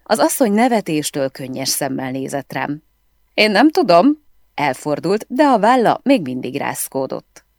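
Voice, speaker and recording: Female audiobook reader, low and lively delivery, dry studio sound. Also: no room sound. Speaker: audiobook narrator. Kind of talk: scripted first-person audiobook narration.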